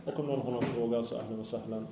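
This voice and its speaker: A man's voice: mid-range voice, fairly even intonation, roomy sound, background noise. A man preaching an Islamic sermon to young people, earnest and often asking the audience questions.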